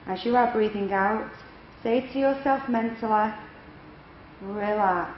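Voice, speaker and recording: Female yoga nidra guide, medium pitch, measured and instructional delivery, recorded in a roomy, echoing space. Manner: measured, instructional, unhurried phrasing with pauses. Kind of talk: guided relaxation meditation. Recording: echoey room, dull lo-fi, faint noise.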